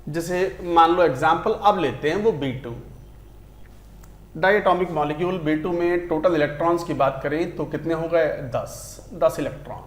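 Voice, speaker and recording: Echoey, high-voiced Indian chemistry teacher. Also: male voice, normal speed. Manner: counts aloud while writing on a board. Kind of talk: classroom lecture mixing Hindi and English.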